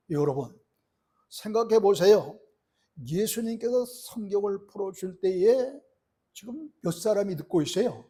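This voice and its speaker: Husky high-voiced male pastor preaching. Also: warm tone. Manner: earnest preaching with rhetorical questions to the congregation. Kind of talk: sermon.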